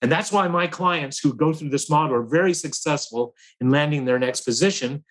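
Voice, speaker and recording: A middle-aged man, a career advisor, telling a long work story as a podcast guest with lively swings in his delivery. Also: a little high, fairly quick, low-quality recording. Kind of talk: storytelling in interview.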